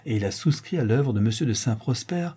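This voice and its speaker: A man reading the part of an eloquent, composed young gentleman host in a storybook reading. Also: medium pitch, expressive, brisk, slightly rough.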